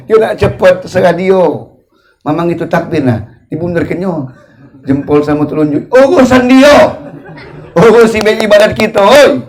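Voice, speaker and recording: Gravelly high-voiced preacher with Palembang accent. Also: male voice, darkish tone. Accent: Palembang Malay. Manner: joking, drawn-out chanted invocations. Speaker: ustadz preacher. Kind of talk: humorous colloquial sermon. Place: religious study gathering.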